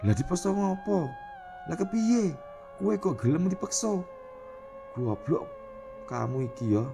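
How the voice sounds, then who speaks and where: A man's voice: on the low side, animated, moderate pace, over music, close to an everyday voice. A man voicing an angry middle-aged village head who scolds and hurls insults at his niece, in a storybook narration. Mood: furious.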